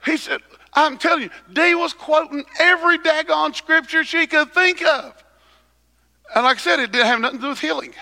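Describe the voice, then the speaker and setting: A man preaching a sermon at a pulpit microphone, swinging between soft teaching and loud shouting. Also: high-pitched. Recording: long hall reverb.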